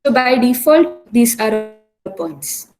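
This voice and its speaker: A woman's voice: a little high, sing-song, a little mellow, faint music behind. Woman lecturing with choppy, uneven volume. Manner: halting, with many fillers and restarts. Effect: choppy audio with uneven volume cutting in and out. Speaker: lecturer teaching an online class. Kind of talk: math lecture over a video call. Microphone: computer mic on an online video call.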